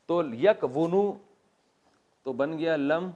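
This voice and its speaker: A man's voice: on the high side, warm tone, highs cut off. A man with a Pakistani Urdu accent, a religious teacher giving a classroom lesson on Quran grammar, explaining step by step, quizzing his students and telling jokes.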